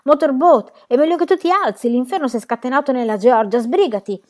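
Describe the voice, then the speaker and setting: Casting note: urgent young man in a storybook reading, higher and louder than the narration, read by a woman. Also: fairly quick, natural voice. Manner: urgent, calling out. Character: hurried young man fleeing a flood.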